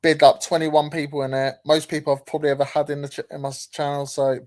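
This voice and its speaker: A man's voice: a little high, level tone, fast talker, darkish tone. Chatty man hosting a football livestream. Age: 30s. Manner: reads chat comments aloud, hesitant with many ums. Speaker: livestream host. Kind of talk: casual livestream chat.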